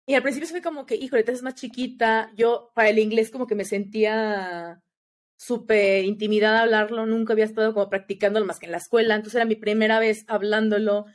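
A woman's voice: fairly high pitch, steady tone, quick pace. A young Mexican woman with a Mexican accent, chatting casually as a podcast guest and dropping "¿sabes?" often. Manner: chatty, frequent "¿sabes?" fillers. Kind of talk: casual interview chat.

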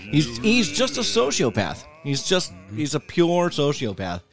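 A man's voice: a little high, huge pitch swings, unhurried, music in the background. A man co-hosting a casual podcast, blunt and ranting, laughing often. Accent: Buffalo, New York. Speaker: podcast co-host. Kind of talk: casual comedic podcast chat.

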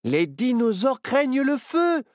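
Storybook: a man playing a bright, bossy boy, pitched way up, loud, dry. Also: a little slow, no room sound, exaggerated voice. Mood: excited. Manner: excited, bossy. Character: young boy, clever and excited.

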